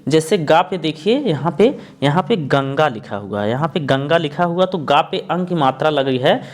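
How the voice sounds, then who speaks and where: A man teaching a lesson, explaining patiently and repeating each point while he spells out letters slowly. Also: a little high, animated.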